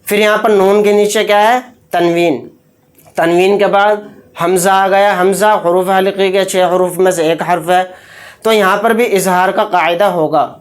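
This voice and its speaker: A Quran reading teacher giving a tajweed lesson. The teacher explains rules quickly, asks a question and answers it, then spells and recites each word slowly, syllable by syllable. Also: medium pitch, steady tone. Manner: brisk explanations alternating with slow, drawn-out syllable-by-syllable spelling.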